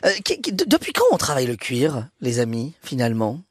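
Male radio host, animated delivery, slightly husky, dry studio sound. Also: medium pitch, a little fast, dry recording. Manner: lively, chatty, playful teasing. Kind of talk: radio show chat.

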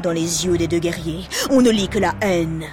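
A woman's voice: lowish voice, normal speed. A woman telling a children's story in a playful, theatrical way, full of exclamations. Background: music.

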